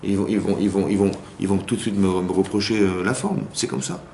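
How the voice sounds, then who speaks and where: Low-pitched, fairly quick, creaky, and darkish in tone, this man's voice fills an echoey community hall with a faint hum. He's a rabbi teaching women informally, chatting with lots of restarts and repetitions while playing the parts of quoted spouses.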